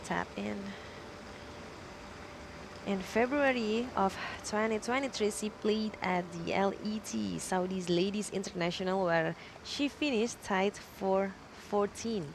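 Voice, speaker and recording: Lady doing live golf commentary, unhurried delivery, mid pitch voice. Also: creaky, noisy background.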